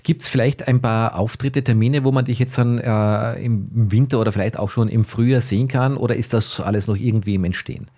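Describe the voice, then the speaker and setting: A man's voice: mid-range voice, fairly even intonation, brisk, few pauses, darkish tone. A man, hosting a casual interview in a chatty, joking way with many hesitations. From Carinthia, Austria. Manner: chatty, jokey, many fillers. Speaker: interviewer, host.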